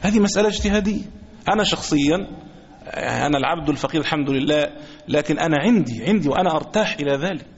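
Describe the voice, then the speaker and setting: Egyptian guy giving a religious lesson, kinda high voice, slow and repeats himself, muffled echoey hall recording. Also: expressive, slightly rough. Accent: Egyptian Arabic. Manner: deliberate, repeats phrases, chants quoted takbir slowly. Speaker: sheikh teaching a religious text. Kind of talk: religious lesson explaining a book. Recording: echoey hall, dull lo-fi sound.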